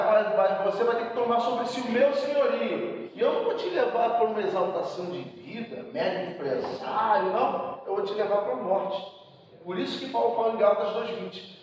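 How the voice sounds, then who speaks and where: A man teaches a church seminary class in an emphatic voice that sits high for a man, checking in with the room again and again. He is picked up from a distance in a large, echoing hall with long reverb and a faint hum of noise underneath. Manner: emphatic, frequent "né?" check-ins. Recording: echoey hall from far off, faint background noise.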